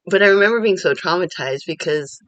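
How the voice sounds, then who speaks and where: A Korean American vlogger talks from home in a casual confessional video, candid, rambling and self-deprecating. Her voice is lowish with a fairly bright tone, and there's no room sound.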